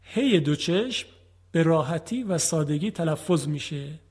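A man teaching Quranic letter pronunciation in a formal televised lesson, explaining patiently and drawing out example words slowly. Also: a little high, expressive, darkish tone, husky. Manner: formal, patient explaining with slow drawn-out demonstrations.

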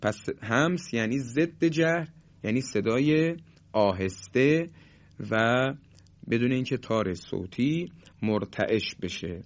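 A patient male teacher walks through pronunciation rules at an unhurried pace. He stretches out each example sound and speaks with courteous formality. His voice sits at an ordinary middle pitch, and the recording has a slightly muffled, lo-fi quality. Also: animated. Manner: slow, patient explaining with drawn-out example sounds; polite formal phrasing. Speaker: Quran recitation teacher. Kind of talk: tajwid lesson on letter qualities.

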